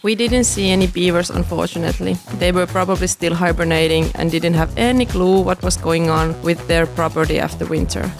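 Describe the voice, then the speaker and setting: A woman's voice: lowish voice, steady tone, brisk, hardly any pauses. A woman in her thirties narrating a travel vlog about a camping and hiking trip, in a playful, joking manner. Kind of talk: travel vlog voice-over and on-camera chat. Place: outdoors in a forest. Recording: music playing under the voice. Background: background music.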